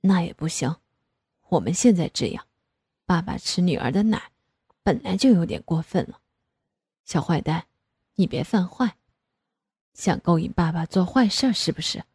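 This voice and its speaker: A woman voicing a bashful, teasing adult father in a low, murmured storybook voice. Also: animated, normal speed, long pauses, a little mellow, husky, no room sound, studio quality, exaggerated voice.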